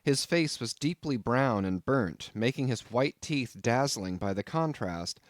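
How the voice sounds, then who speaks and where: The clip features a male audiobook narrator working through a classic novel from a script, measured and expressive in his storytelling. His voice is mid-range, and the clean studio audio has no echo.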